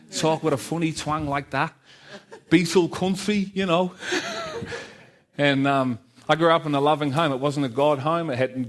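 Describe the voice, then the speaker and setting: Middle-aged man, church testimony, earnest, heartfelt, medium pitch. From Liverpool, England. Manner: earnest, heartfelt, with light asides to the congregation. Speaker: guest speaker giving testimony.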